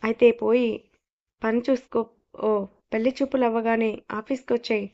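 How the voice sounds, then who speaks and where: A woman's voice: on the high side, flat delivery, moderate pace, dark tone, close to an everyday voice. A woman voicing a young man who is a teasing, domineering boss and lover in an audio love story. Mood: bossy. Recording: dull lo-fi audio.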